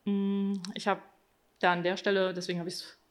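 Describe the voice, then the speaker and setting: A woman's voice: mid-range voice, level tone, moderate pace, clean tone. Hesitant woman presenting research. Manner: hesitant, frequent filler sounds between phrases. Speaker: researcher presenting her study. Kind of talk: academic presentation reading from slides.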